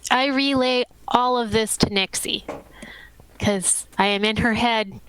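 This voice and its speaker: A woman's voice: fairly high pitch, measured pace, a bit bright, a little hiss or hum, low-quality recording. A woman playing a tabletop game who explains her character's actions step by step. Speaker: player.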